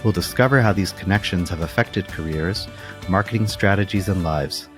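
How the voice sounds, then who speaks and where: Upbeat male podcast host, fairly low voice, faint background music. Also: normal speed. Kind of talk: scripted intro then interview questions.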